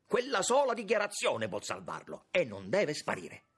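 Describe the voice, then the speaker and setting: A man reading an audiobook, voicing an agitated young man who pleads in loud, high outbursts. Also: very animated, measured pace, slightly rough, heavily acted. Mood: indignant.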